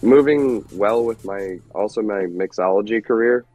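This casual chat features a Detroit musician in his thirties whose fairly low, darkish voice moves at a moderate pace. He tells rambling, relaxed stories heavy with fillers, and the poor audio carries faint music in the background.

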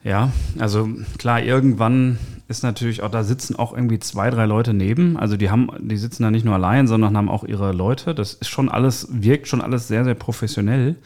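Gravelly-voiced man musing on football. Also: lowish voice, a little fast, few pauses, a little mellow. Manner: hesitant, loose restarts. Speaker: podcast co-host. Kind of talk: casual football chat.

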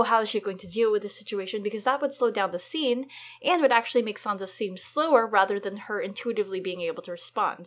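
A young woman co-hosting a podcast, talking through a book chapter in a quick, animated, casual way. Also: medium pitch. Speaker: podcast co-host.

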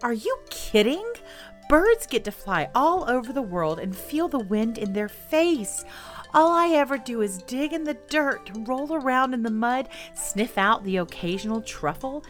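High eager little pig girl, gets all worked up, woman doing the voice, soft music behind. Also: big pitch swings, unhurried, full character voice. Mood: indignant. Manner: eager, indignant. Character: young female pig longing to fly.

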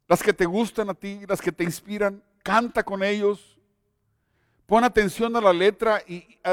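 Man, high voice, earnest sermon, long hall reverb. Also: studio quality. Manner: earnest, exhorting. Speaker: preacher. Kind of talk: sermon with personal testimony.

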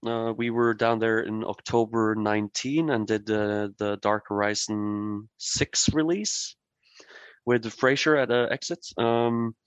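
A man from Norway, a brewery guest in a podcast interview, speaking haltingly with many fillers and restarts. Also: lowish voice, fairly even intonation, smooth, no echo.

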